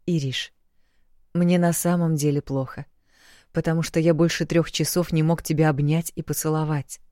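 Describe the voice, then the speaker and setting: Woman voicing young husband, teasing, low murmur, mellow, dry. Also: little pitch movement, normal speed, no room sound, natural voice.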